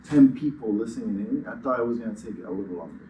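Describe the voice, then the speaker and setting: A man's voice: medium pitch, lively intonation, quick pace, dark tone, slight background noise. A young man from the Dominican Republic chatting loosely and playfully as a podcast co-host. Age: young adult. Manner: loose, playful, lots of "like" and "yeah". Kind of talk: casual chat. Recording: echoey room, distant mic.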